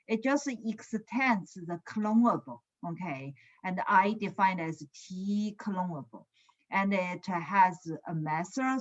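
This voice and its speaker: Slow-talking woman lecturing in a screen recording. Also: medium pitch, lo-fi sound. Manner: slow, with frequent "is it?" checks and "uh" fillers. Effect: screen-recorded online lecture audio. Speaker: computer science lecturer. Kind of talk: online class lecture. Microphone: computer mic on a video call.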